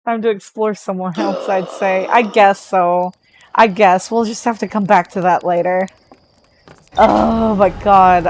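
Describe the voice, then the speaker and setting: A woman's voice: mid-range voice, a little hiss or hum. A woman streaming a video game live, talking to herself as she plays, swearing and reacting nervously. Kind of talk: live gameplay commentary. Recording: game music underneath.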